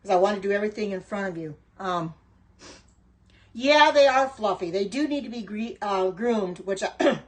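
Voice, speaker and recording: An older woman hosts a home cooking livestream, speaking expressively in a mid-range voice at normal speed as she bakes. She casually greets viewers by name and wanders between topics, often umming, restarting, and using homespun sayings.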